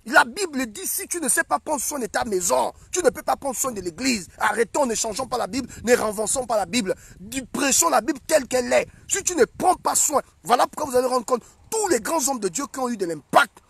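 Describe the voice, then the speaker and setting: A young man preaching an animated sermon as a prophet, emphatic and repetitive. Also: very high voice, creaky, husky. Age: young adult. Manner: emphatic and repetitive, acts out scenes.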